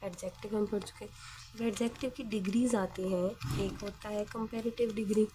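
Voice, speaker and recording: A woman's voice: mid-range voice, steady tone, brisk, mellow. A woman teacher explaining grammar step by step in a patient manner, often asking questions and then answering them herself.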